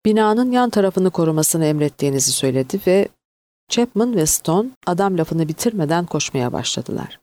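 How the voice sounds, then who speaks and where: A woman narrating an audiobook in an expressive, varied reading. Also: fairly low pitch, moderate pace.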